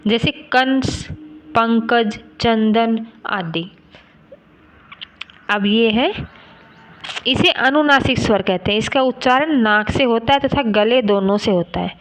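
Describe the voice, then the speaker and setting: Slow, patient woman teaching grammar. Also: on the high side, fairly bright tone. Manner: slow, patient explaining, sounding out letters one by one. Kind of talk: grammar lesson.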